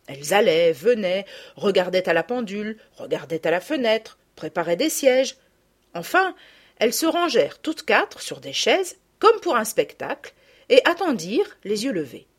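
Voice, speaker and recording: A woman narrating a classic children's story aloud in an expressive reading style. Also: medium pitch, normal speed, husky. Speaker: audiobook narrator.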